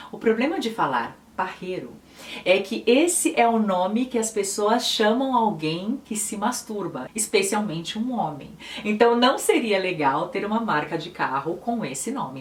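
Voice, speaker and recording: A young woman with a São Paulo Brazilian accent, chatting casually as she explains pronunciations in a lesson. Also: mid-range voice. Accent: São Paulo Brazilian Portuguese. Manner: chatty, patiently spelling out pronunciations. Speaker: Spanish teacher and video host. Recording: roomy echo, mic a bit distant.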